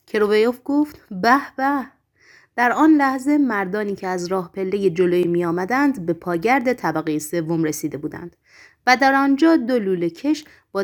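A woman narrating a novel as an audiobook, with measured, dramatic storytelling. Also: medium pitch, a little mellow. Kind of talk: scripted literary narration.

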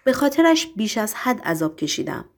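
A worn-out male writer, read by a woman narrator speaks with quiet resignation. This is an audiobook reading. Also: a little high, big pitch swings. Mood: resigned. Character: weary, broken male writer.

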